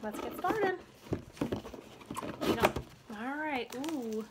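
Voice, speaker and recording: A woman's voice: sits high, lively intonation, takes it slowly. A middle-aged woman co-hosting a casual family snack-tasting vlog as the mother, upbeat and reading snack notes aloud. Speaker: mother and co-host. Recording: loud background noise on a home video.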